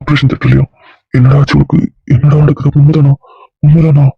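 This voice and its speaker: A man voicing a worried older relative who has rushed in and keeps asking questions. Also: fairly high pitch, little pitch movement, vocal fry, breathy edge, no echo, lo-fi sound. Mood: anxious. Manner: anxious, questioning. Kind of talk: amateur drama acting.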